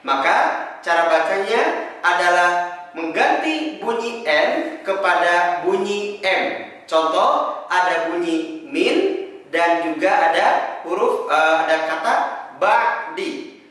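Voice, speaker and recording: A high-pitched man with an Indonesian accent gives a reading lesson in a very echoey room. He over-enunciates like a careful teacher, stretching out syllables for demonstration, and sits some way from the microphone. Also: animated, a little slow, fairly bright tone, recorded from a distance. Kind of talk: instructional lesson with chanted examples.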